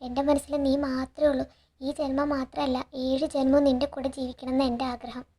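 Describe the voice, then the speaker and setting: A woman's voice: sits high, little pitch movement, brisk, mellow, breathy edge. A woman reading out a nervous young man in love. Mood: pleading.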